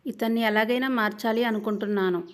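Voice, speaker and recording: Woman reading young bride, nervous, defiant, earnest, fairly high voice, storybook. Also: steady tone, fast, lightly acted. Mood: pleading.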